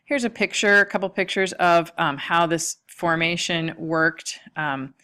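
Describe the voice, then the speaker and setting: A woman with a low voice gives a history lecture, pointing to maps and slides as she goes. Her delivery is casual and loose, full of small fillers and restarts. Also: measured pace, pushed and bright. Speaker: history teacher. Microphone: lecture recording mic.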